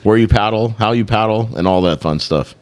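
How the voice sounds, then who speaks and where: A man's voice: fairly low pitch, a little fast, darkish tone. A man co-hosting a podcast, chatting casually and joking, with lots of easy agreement. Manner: laid-back, joking, lots of yeahs. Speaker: podcast co-host. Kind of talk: casual chat.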